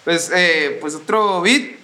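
Bright high-voiced Mexican man, slangy. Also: slow pace. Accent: Mexican Spanish. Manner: slangy, laughs often, rambling explanations. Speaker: podcast co-host. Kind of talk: casual music review chat.

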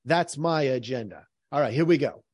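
A man hosting his podcast, explaining points in an energetic, emphatic, teacherly way. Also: medium pitch, normal speed, slightly rough, dry recording, studio quality. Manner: energetic, emphatic, teacherly, frequent "all right". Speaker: podcast host.

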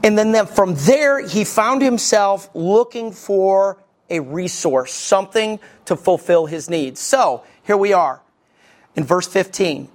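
A man, preaching a sermon as lead pastor from Alabama with folksy, animated storytelling. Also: sits high, slow.

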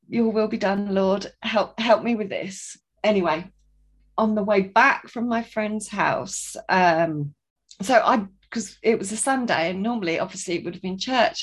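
A woman's voice: mid-range voice, breathy edge. A woman telling a personal faith story in a casual, chatty way, often restarting sentences and acting out what people said. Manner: chatty, restarts sentences, acts out quoted voices. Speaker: guest sharing a testimony.

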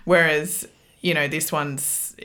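A woman's voice: sits low, fairly even intonation, slow pace, fairly bright tone. A woman hosting a podcast, chatty and laughing often, with frequent "like" fillers. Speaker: podcast host. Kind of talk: podcast chat.

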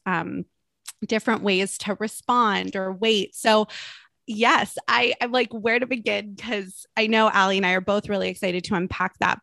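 A woman's voice: medium pitch, vocal fry, a bit bright, no echo. A woman co-hosting a podcast, asking enthusiastic, rambling questions in casual chat. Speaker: podcast co-host.

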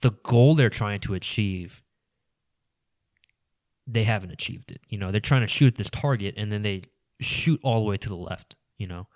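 A man's voice: on the low side, normal speed, a little mellow, dry recording, clean studio sound. A man talking as a guest on a casual podcast, rambling with many "you know"s and trailing into mumbles.

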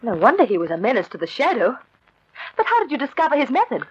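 An actress playing a plucky, stubborn, loyal heroine in an old radio drama, earnest and expressive. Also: female voice, on the high side, fast talker, breathy edge, muffled recording, exaggerated voice. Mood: earnest, curious. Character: plucky, stubborn, loyal female companion of a crime fighter. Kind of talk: vintage radio drama acting.

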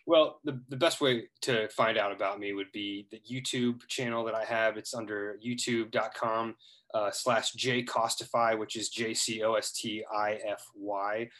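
A man in his thirties from Ohio, United States, is a guest in a casual interview, speaking earnestly but hesitantly with many fillers and restarts. His voice is on the low side, unhurried and fairly bright, with fairly even intonation.

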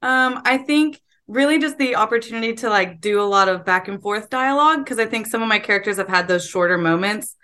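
A woman's voice: medium pitch, lively intonation, brisk, hardly any pauses, pushed and bright. A young woman who is a guest voice actor on a podcast, chatting upbeat and friendly. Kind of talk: casual interview chat.

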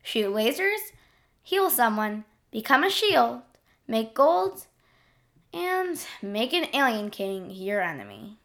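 A woman narrating a scripted first-person adventure story in an expressive diary-like manner. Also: on the high side, slow.

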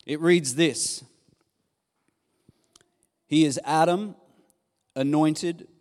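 A man preaches a sermon in a church, rousing the congregation with enthusiasm. His delivery is slow and measured. The sound rings with a long hall echo. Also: a little high, fairly even intonation. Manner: warm, enthusiastic, audience-rousing. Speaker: pastor.

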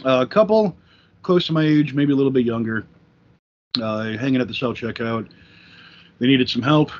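A man hosting a podcast, telling a work story in a rambling, animated way and swearing freely. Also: mid-range voice, moderate pace, slight background noise. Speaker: podcast host. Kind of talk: casual storytelling chat. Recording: dull lo-fi recording.

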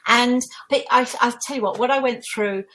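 A woman's voice: fairly high pitch, normal speed, fairly bright tone. Candid middle-aged Essex woman in conversation. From Essex, England. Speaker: podcast guest, tutor and former equities trader. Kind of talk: conversational interview answers.

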